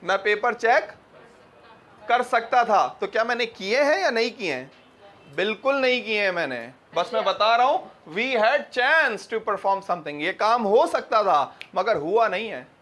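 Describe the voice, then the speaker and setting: A man's voice: high voice, expressive, measured pace, a bit bright. A male English teacher giving a classroom grammar lesson to students, quizzing them, repeating examples and joking with them. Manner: joking, teasing.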